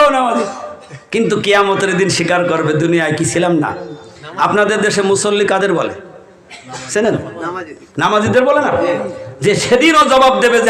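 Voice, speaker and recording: A man preaching a sermon to a crowd in rural spoken style, chanting verses and prompting the listeners to respond. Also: high-pitched. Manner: calls on the crowd to answer and shout along; rural spoken Bengali with vivid storytelling. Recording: echoey hall.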